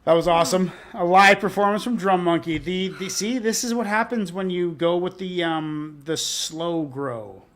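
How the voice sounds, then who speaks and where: High-voiced, excitable swearing host. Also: male voice, normal speed, hardly any pauses, a little hiss or hum. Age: 30s. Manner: enthusiastic, swears freely, stumbles over words. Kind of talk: casual reaction-show chat.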